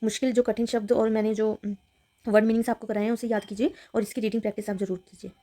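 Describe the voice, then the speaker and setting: A woman teacher leads a children's reading lesson. She reads each story line slowly and then explains it in Hindi. Her voice sits a little high but sounds soft and mellow. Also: level tone. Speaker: English teacher.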